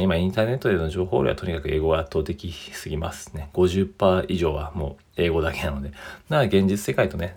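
Fast-talking man with a gravelly low voice. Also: a little mellow. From Japan. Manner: chatty, works through a numbered list; often restarts and corrects himself mid-phrase. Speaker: podcast host. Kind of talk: casual solo podcast monologue.

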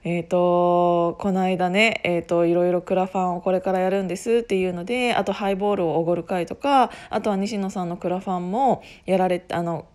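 A woman with a husky, hoarse voice chatting casually on her own, rambling and often interrupting herself in a self-deprecating way. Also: on the low side, steady tone, fairly quick, hardly any pauses, a little mellow. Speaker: podcast host making an announcement. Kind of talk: casual solo chat.

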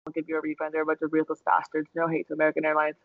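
A young adult woman co-hosts a podcast in a low, monotone, gravelly voice, talking very fast. The chat is casual, giggly, and full of free swearing, with no room sound and a dull lo-fi quality.

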